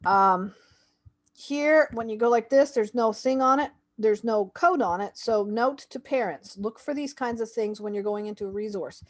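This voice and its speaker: A woman's voice: fairly high pitch, normal speed. A woman reviewing a homeschool website, talking casually and thinking aloud as she clicks through it. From Canada. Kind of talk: screen-share website walkthrough.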